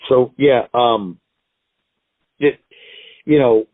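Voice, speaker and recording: An American wrestler, appearing as a guest in a casual interview, tells rambling, self-deprecating stories and laughs often. His mid-range voice draws out words, coming over a tinny, dry phone line with no echo.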